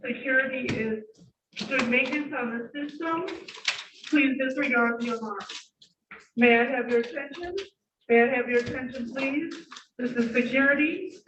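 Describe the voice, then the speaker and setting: A woman making a formal, repeated security announcement over a public-address loudspeaker. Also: sits high. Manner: formal, measured, repetitive. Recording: distant echoey loudspeaker, dull, noisy.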